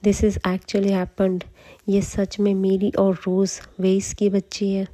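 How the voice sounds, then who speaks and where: Woman narrator voicing young male dragon slayer, stunned and bitter; slow, flat, very dark tone, her own voice. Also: mid-range voice, close to an everyday voice. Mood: upset. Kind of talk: storytelling recap.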